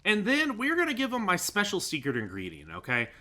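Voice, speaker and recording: A man's voice: sits high, wildly swooping pitch, fairly quick, bright, forceful tone. A man giving casual, joking commentary over a sandbox game, talking sarcastically with lots of fillers. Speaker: gaming YouTuber.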